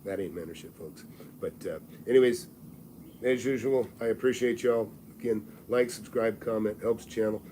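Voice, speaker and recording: A real estate mentor and channel host in his sixties pitches mentorship on a live-streamed advice talk, his low, dark, plainspoken voice moving at a moderate pace. He's blunt, folksy and salesy, restarting sentences often, with audible background noise behind him.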